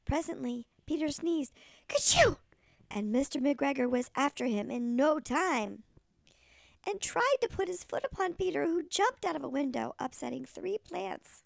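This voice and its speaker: A sweet older woman with a thin, creaky voice, reading a children's story expressively like a kindly storyteller. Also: high voice, a little mellow, no room sound. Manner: sweet old lady.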